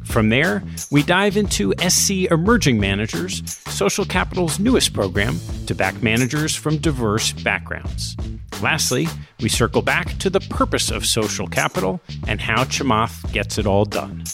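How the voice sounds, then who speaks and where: A man hosting a podcast, reading a measured, scripted introduction and asking interview questions. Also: mid-range voice, very animated, creaky, over music. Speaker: podcast host.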